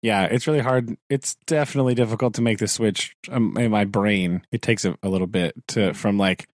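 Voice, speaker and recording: A teacher co-hosting a podcast from home chats casually, laughing often and acting out his own thoughts. His voice is fairly low, a little mellow and slightly fast, captured with clean studio sound and no room reverb.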